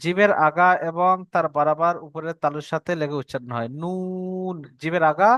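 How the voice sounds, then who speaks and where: Bengali-accented male teacher, slow careful repetition, raised pitch, bright and smooth. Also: no echo. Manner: patient, repeats each point slowly for the student. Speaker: Quran recitation teacher. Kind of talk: online tajweed lesson.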